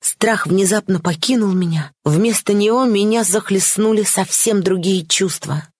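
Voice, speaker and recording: A woman narrating a classic novel in the first person, steady and expressive. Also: medium pitch, a little slow, slightly rough, no room sound, studio quality. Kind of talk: audiobook narration.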